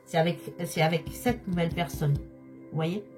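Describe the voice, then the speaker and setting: A slightly hoarse woman giving a tarot reading, speaking straight to her viewers and repeating key phrases for emphasis. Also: on the low side, moderate pace, over music. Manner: repetitive, emphatic, addresses viewers directly. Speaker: tarot card reader.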